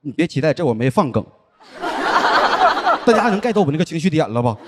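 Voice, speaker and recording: A man performing a stand-up comedy set on stage, telling stories in a dry deadpan way and acting out the people he quotes. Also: a little high, rapid-fire, heavy background noise. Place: comedy show stage with live audience. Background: audience laughter.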